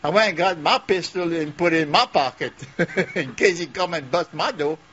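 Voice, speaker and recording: Older male eyewitness, Cajun accent, highish voice, plain-spoken and halting, slightly dull porch interview sound. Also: a bit bright. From Louisiana. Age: older, about 70. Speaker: eyewitness neighbor. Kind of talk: casual eyewitness account. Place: covered porch outdoors. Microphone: handheld TV reporter microphone. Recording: muffled, noisy outdoor TV interview.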